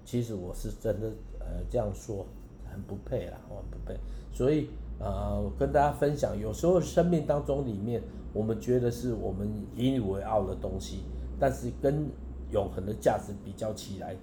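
A man tells his story as a preaching guest on a radio show. His voice is low and very dark and mellow, carried by a roomy echo. He talks in an earnest, halting way, often restarting his phrases. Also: a little hiss or hum. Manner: halting and earnest, many restarts, emphatic rises. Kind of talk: personal testimony in a radio interview.

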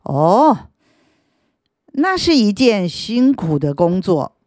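A woman voicing a gruff groundhog in a children's story, speaking slowly with a low, deep voice and curt replies. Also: big pitch swings, darkish tone, no echo, clean studio sound. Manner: slow, curt, unhelpful.

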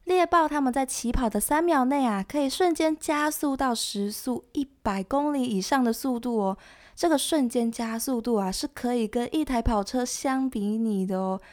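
A woman giving scripted nature documentary narration as a presenter, explaining things in a conversational way with soft sentence particles. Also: fairly high pitch, normal speed. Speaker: presenter of an animal education show.

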